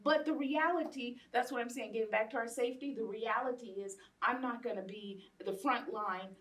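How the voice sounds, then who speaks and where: On a panel discussion, a Los Angeles educator in her late fifties talks with impassioned emphasis, repeating phrases for effect. Her voice is on the high side and a bit bright, at a moderate pace, captured by a distant microphone.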